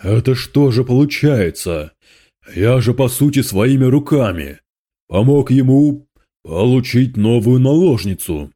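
A man's voice: mid-range voice, lively intonation, measured pace, warm tone. A man reading aloud, voicing a spiteful male demon lord who hisses and gloats with scorn. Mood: menacing.

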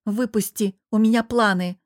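A woman's voice: mid-range voice, fairly even intonation, moderate pace, no room sound, clean studio sound, close to an everyday voice. A woman reading the lines of a hurt, defiant young wife who answers sharply and mockingly.

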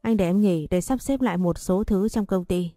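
A woman's voice: medium pitch, normal speed, warm tone, dry recording, clean studio sound, soft background music, close to an everyday voice. A woman voicing a teasing, confident young husband in a spoken story. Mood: serious. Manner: playful, teasing.

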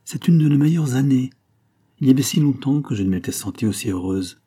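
Male reader voicing a teasing blonde woman with an accent, pitched up, husky. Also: lively intonation, fairly quick, mellow. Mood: playful. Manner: playful, teasing, lightly raised voice.

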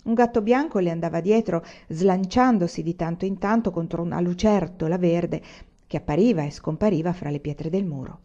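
Woman audiobook reader; low, dark, measured narration, dull lo-fi sound. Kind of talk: scripted narration of a novel. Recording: dull lo-fi recording.

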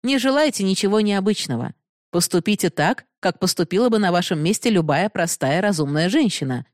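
A woman's voice: medium pitch, animated, fairly quick, a little mellow, no room sound, studio quality, pitched above the performer's own voice, natural voice. A woman voicing a stern, upright young man who lectures firmly and holds back his feelings. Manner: firm, lecturing.

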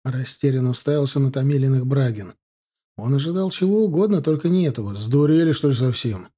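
A man narrating an audiobook in steady storytelling delivery. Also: medium pitch, brisk, breathy edge. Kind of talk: scripted narration.

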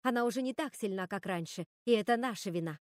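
A woman's voice: mid-range voice, fast talker, no echo, studio quality, natural voice. A woman voicing a nervous witch sister who pleads and apologizes. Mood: pleading. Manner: anxious, pleading.

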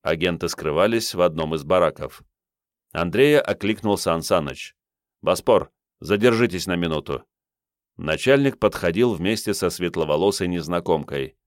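Низкий мужской голос чтеца аудиокниги. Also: male voice, low voice, dry recording, clean studio sound. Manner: steady, measured reading. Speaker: audiobook narrator. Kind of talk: scripted narration.

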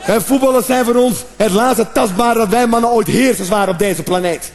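High-voiced Dutch-speaking comedian, animated. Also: male voice, brisk. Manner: animated, shouting outbursts and acted-out noises. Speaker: stand-up comedian. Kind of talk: stand-up comedy routine.

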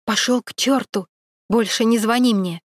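A woman voicing a frightened young woman who hides her fear behind sharp, defiant retorts. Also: medium pitch, fairly even intonation, moderate pace, no echo, lightly acted. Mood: angry.

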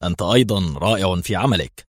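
A man's voice: low-pitched, animated, quick pace, no echo, clean studio sound. A man playing a fatherly male intelligence officer. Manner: eager, fatherly.

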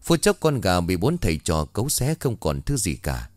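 A man narrates a ghost story in an animated way. His voice is lowish with lively swings in pitch, recorded dry and close. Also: moderate pace, no echo.

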